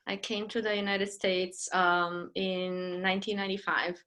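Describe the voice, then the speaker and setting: Woman poet in her fifties, friendly intro, reads her own verse, middle pitch. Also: level tone, unhurried, bright, forceful tone. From Romania. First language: Romanian. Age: 50s. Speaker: poet reading her work. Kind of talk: poetry reading.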